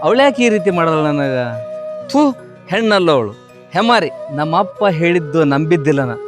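An actor from North Karnataka playing a betrayed husband who rants and spits insults, in a village comedy skit, over background music. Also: male voice, fairly high pitch, lively intonation, moderate pace, lightly acted. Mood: bitter. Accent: North Karnataka Kannada. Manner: ranting, spitting insults. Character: betrayed husband, bitter and self-pitying.

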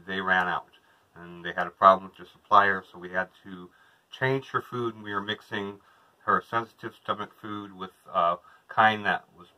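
A man's voice: on the low side, bright, forceful tone, low-quality recording. A man in his thirties, a vlogger, chatting casually to a camera across from him inside a small trailer. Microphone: camera a couple of metres away.

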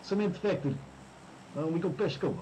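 A loud, bossy gamer with a heavy mock-Russian accent, put on by a man. The voice rides well above its normal pitch and punches each clipped phrase. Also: a little fast, slight background noise, natural voice, poor audio.

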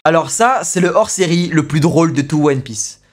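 A young man streaming live and reacting to a video. He talks excitedly, with lots of slang and repeated exclamations. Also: on the high side, moderate pace, faint music behind.

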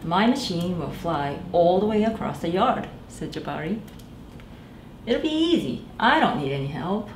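Reading aloud to children in a small library room, a librarian in her thirties speaks in a lowish voice at a moderate pace. She brings the picture book's characters to life with different voices and talks straight to the kids, all very animated. Faint background noise and echo fill the recording.

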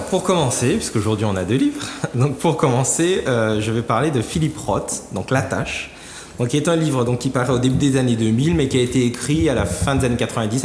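A man's voice: medium pitch, a little mellow. Male guest explaining a book, echoey room. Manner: thinking aloud, many fillers and restarts. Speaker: studio guest. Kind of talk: explaining a book on a talk show. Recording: roomy studio with long reverb and faint noise.

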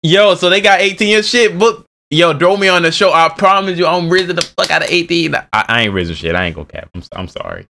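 Young male streamer, twenties, slangy rambling reactor, bright tone, headset mic. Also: high voice, expressive, fast, gravelly, few pauses, faint music behind. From Bay Area. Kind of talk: casual reaction commentary.

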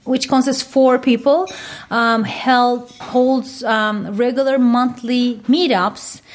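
A Turkish woman with a fairly high, steady voice is a science podcaster answering interview questions. Her first language is Turkish, and she speaks in quick bursts packed with fillers.

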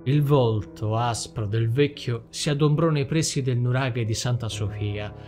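A man reading a dark novel as an audiobook, slow and dramatic. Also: medium pitch. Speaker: audiobook narrator. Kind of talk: scripted narration. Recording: faint background music.

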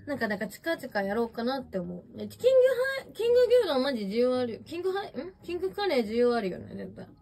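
A young woman chats on a livestream while eating at home, rambling and reacting to viewer comments. Her voice sits high and swings widely in pitch. She is picked up by a smartphone mic with faint room ambience. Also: very animated, fast talker, creaky, hardly any pauses, darkish tone, slight background noise.

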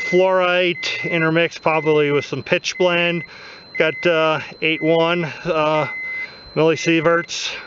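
A man giving easygoing, matter-of-fact narration to camera while hiking a snowy mountain trail at night, with pauses and fillers. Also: fairly high pitch. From United States. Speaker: mineral prospecting vlogger. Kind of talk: casual outdoor narration to camera. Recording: dull lo-fi outdoor camera audio with noise.

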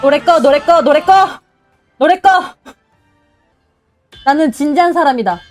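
Woman, high pitch, streamer, excited game commentary, self-encouraging, faint background music. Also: measured pace. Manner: animated, cheering herself on, mock-calming herself.

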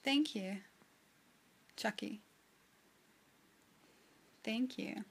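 A young New Zealander livestreams casually from a small room on a phone held at arm's length, answering viewers and reading their comments with frequent giggles. Her slightly high voice is gravelly with a breathy edge, and she draws out her words.

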